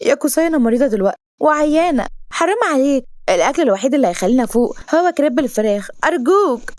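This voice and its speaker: A headstrong, reckless young woman, as a female storyteller puts her on speaks in a raised, whiny, insistent Egyptian Arabic voice. She rushes her lines out quickly. The sound is close and dry, with no room around it. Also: high voice, a little mellow, no echo, pitched above the performer's own voice, lightly acted. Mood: whiny pleading.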